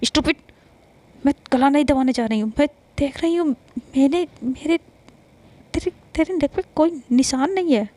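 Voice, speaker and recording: A woman's voice: sits high, moderate pace, darkish tone, voice pushed up, close to an everyday voice. A woman voicing a proud, headstrong young woman who talks in an indignant, bossy way. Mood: baffled.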